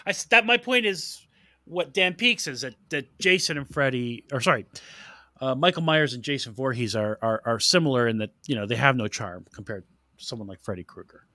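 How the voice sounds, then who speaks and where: A man's voice: medium pitch, brisk, no room sound, studio quality. A man co-hosting a podcast, chatting casually and jokily about movies. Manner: animated, joking, puts on silly accents. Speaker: podcast co-host. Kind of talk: casual chat about films.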